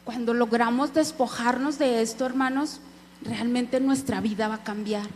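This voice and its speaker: A woman's voice: on the high side, fairly even intonation, moderate pace, a little mellow. A woman preacher giving an earnest sermon testimony, speaking directly to her listeners as brothers. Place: church hall. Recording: echoey hall with faint hum.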